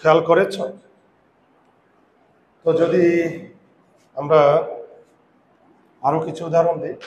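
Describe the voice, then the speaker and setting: Echoey teacher explaining. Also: male voice, a little high, steady tone, slight background noise. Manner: repeats rules, quizzes students with "বোঝা গেল?"; patient, drawn-out pronunciation of example words. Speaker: Bengali grammar teacher. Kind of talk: classroom lesson.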